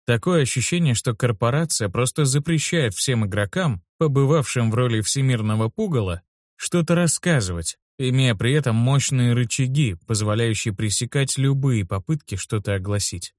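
A man reading a first-person audiobook in a steady, wry storytelling manner on a close studio mic. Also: medium pitch, normal speed, dry recording. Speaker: audiobook narrator.

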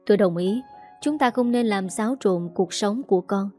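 A woman's voice: medium pitch, normal speed, warm tone, faint music behind, natural voice. A woman reading the lines of a remorseful, apologetic young man in an audio story. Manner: apologetic, choked.

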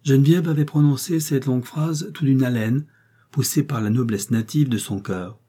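A man reading a novel aloud as an audiobook narrator, in measured, even storytelling. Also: mid-range voice, husky. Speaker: audiobook reader.

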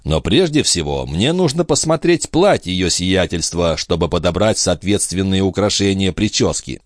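A man's voice: sits low, lively intonation, moderate pace, dry recording, clean studio sound. A man voicing a polite, self-assured young hairdresser in an audiobook. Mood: composed.

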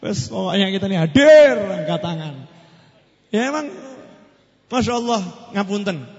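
A man's voice: high-pitched, expressive, a little slow, darkish tone. A man with a Javanese accent preaching a humorous sermon, joking and asking the congregation questions. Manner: joking, asks the audience questions, mixes in Javanese phrases. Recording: dull lo-fi sound with long hall reverb.

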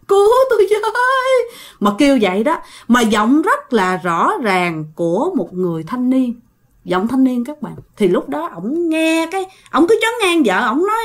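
A woman telling a ghost story, speaking straight to her listeners. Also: on the high side. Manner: animated, addresses listeners directly.

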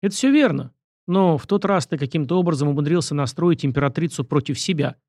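A man's voice: a little high, lively intonation, fast talker, a little mellow, no echo. A man voicing an old prince, a grandfather who speaks in a dry, knowing, admonishing way. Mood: wry.

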